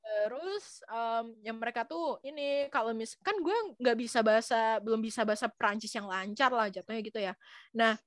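A woman's voice: fairly high pitch, moderate pace, dry recording, clean studio sound. Chatty young woman telling stories. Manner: chatty storytelling in slang, acting out quoted voices. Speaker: guest sharing experiences abroad. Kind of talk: casual chat.

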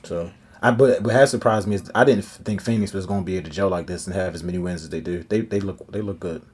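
Very deep, husky male co-host, rapid run-on delivery. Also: a little mellow. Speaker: podcast co-host. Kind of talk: casual sports chat.

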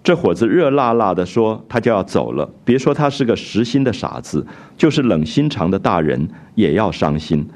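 A man voicing a gentle older aunt who soothes the family, read out plainly in his own low voice. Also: very animated, normal speed. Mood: soothing.

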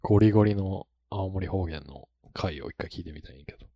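A man's voice: deep voice, fairly quick, dark tone, no room sound. A man co-hosting a casual podcast chat, rambling a little and chuckling often between thoughts. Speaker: podcast co-host.

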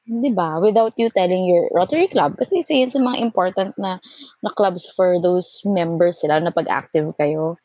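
A woman from Cavite in her late twenties, co-hosting a podcast and chatting casually, who tells stories in an animated way and acts out what people said. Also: moderate pace, no room sound, highs cut off. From Philippines, Cavite. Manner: animated storyteller, acts out quotes with sharp pitch jumps and laughs. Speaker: podcast co-host. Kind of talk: casual chat, Taglish storytelling.

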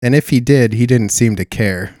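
A man hosting a comedy podcast, reading a spooky story aloud in a mock-dramatic, theatrical deadpan. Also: medium pitch, moderate pace, no echo, clean studio sound. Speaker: podcast host.

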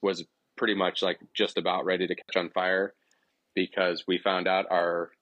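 A man in his thirties, a podcast guest, telling a rambling story in a relaxed way with restarts and chuckles. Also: deep voice, moderate pace, no echo, muffled recording. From Ohio. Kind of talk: casual storytelling.

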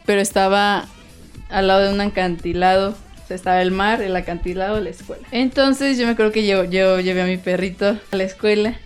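A woman's voice: mid-range voice, brisk, smooth, faint music behind. A young woman with a Mexican accent, casually telling friends about a dream, acting out the voices and laughing often. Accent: Mexican Spanish. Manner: animated storyteller, acts out voices, laughs often.

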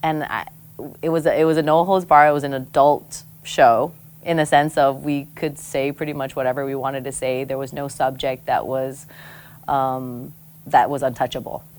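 A woman from Samoa, a guest who used to host her own show, telling personal stories in a frank, animated way, laughing often and swearing casually. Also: extremely low pitch, normal speed. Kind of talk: candid conversational storytelling.

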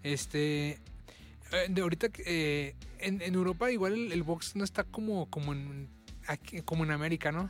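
A man with a Mexican accent interviewing in a relaxed, halting way with many fillers. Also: a little high, soft background music. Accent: Mexican Spanish. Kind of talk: casual conversation.

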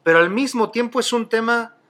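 A very high-pitched, slightly bright voice belongs to this middle-aged podcast host with a Mexican accent, who speaks a little fast. He tells stories in a relaxed, chatty way and laughs easily.

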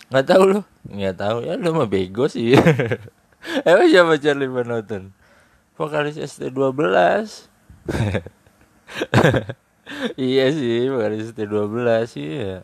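A man's voice: medium pitch, gravelly, a little mellow, no echo. A man in casual, teasing chat, laughing often as he jokes around. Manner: joking banter with frequent laughter; slangy and teasing.

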